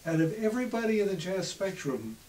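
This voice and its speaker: A man's voice: high voice, big pitch swings, a little fast, a little mellow, recorded from a distance, a little hiss or hum, low-quality recording. A man hosting a radio interview, asking curious questions of his guest. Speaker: radio host.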